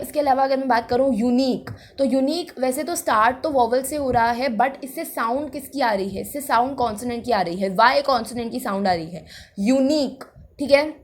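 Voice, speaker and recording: A young woman teaching a grammar lesson to students. Her voice sits a little high, and she moves patiently from point to point, checking in with the class after each one. She reads her example sentences slowly, word by word. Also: slight background noise. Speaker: English teacher.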